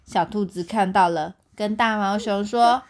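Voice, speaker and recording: A young woman with a Taiwanese Mandarin accent reading a picture book aloud to her child at bedtime, in an animated storytelling way. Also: mid-range voice, measured pace, slight background noise.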